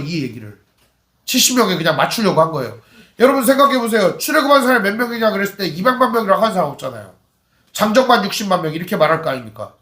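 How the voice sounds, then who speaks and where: A man preaching to his congregation in an easy, conversational way, asking them questions as he goes. His voice sits fairly high for a man. The sound carries the echo of a church hall. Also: bright, forceful tone. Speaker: pastor. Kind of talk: sermon. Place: church sanctuary.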